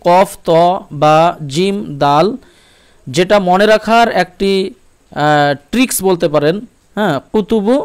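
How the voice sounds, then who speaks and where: A man with a Bengali accent and a high, smooth, clear voice leads a recitation lesson. He repeats each syllable slowly and patiently. He keeps checking in with a short "okay" before moving on. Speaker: Quran reading teacher.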